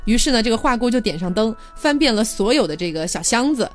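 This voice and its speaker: A woman with a slightly high voice casually retells a classic ghost story, acting out each character's lines. Her pitch moves in a lively, animated way. Faint music plays in the background. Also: fast. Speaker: podcast host storyteller.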